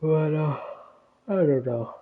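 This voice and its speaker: A man whose voice sits on the high side takes his time as he streams games. His casual chat drifts, hesitates and circles back on itself, captured in dull, muffled lo-fi sound.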